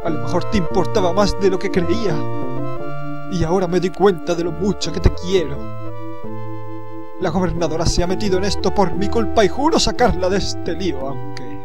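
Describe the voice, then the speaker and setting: A man's voice: sits high, normal speed, over music, close to an everyday voice. A man voicing an earnest, lovestruck young male would-be pirate.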